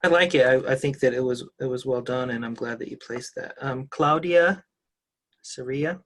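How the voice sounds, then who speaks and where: A man's voice: medium pitch, normal speed, fairly bright tone. A man hosting a poetry reading, chatting informally and encouraging the readers. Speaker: event host. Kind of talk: casual chat.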